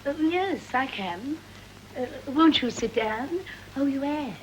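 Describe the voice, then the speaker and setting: A woman's voice: high voice, expressive, slow, poor audio. An actress playing a gushing, muddled, well-off English mother in a stagey 1930s film comedy, fluttery and fussy. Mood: gushing, eager. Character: gushing, socially ambitious wealthy mother, comically muddled. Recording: hissy early talkie film soundtrack.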